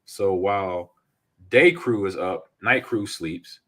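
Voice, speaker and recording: Bright-voiced man telling stories. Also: deep voice, slow. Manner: animated storyteller, acts out quotes. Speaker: podcast host. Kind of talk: casual chat.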